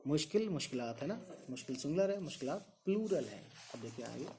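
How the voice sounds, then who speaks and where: A man's voice: on the high side, lively intonation, fast, darkish tone, a little hiss or hum. A man teaching an online language lesson, drilling singular and plural word pairs by repeating each one and calling his viewers guys. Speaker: Urdu teacher.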